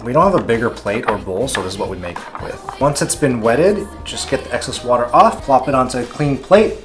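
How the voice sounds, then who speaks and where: A man giving a casual cooking tutorial in his home kitchen, talking in a relaxed, chatty and self-deprecating way. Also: medium pitch, fairly quick. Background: background music.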